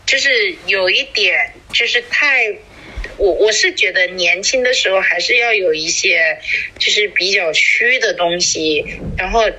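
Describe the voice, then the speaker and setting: Husky bright-toned woman rambling casually. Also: medium pitch, a little slow, low-quality recording. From small city in China. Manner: rambling, many fillers and restarts. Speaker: podcast co-host. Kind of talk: casual chat.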